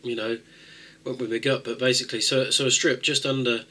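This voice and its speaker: A tech video host with a cold talks viewers through a fix in a casual, rambling way, full of fillers and restarts. His nasal, mid-range voice is bright and forceful, delivered flatly and a little fast.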